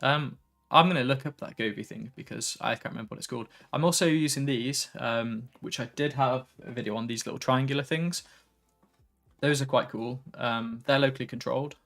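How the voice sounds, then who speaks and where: A man chatting casually on a live tech stream, relaxed and a little tired, reading viewer comments aloud and drifting between topics. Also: medium pitch, fairly quick, gravelly, faint music behind. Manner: relaxed, tired, easily sidetracked, reads chat aloud.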